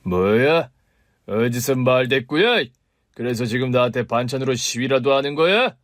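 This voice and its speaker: A man's voice: medium pitch, animated, normal speed, dry recording, lightly acted. A cold, irritable middle-aged father snaps and scolds with open contempt, as a man acts him out. The voice is dry and close. It is a radio-drama story. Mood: scolding.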